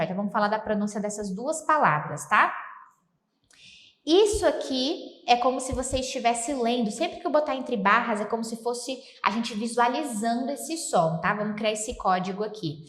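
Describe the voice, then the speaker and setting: Brazilian woman teacher, higher voice, echoey room, patient lyric walkthrough. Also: a bit bright. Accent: Brazilian Portuguese. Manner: explains slowly, repeats English phrases for pronunciation. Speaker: English teacher. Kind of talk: explaining song lyrics to learners.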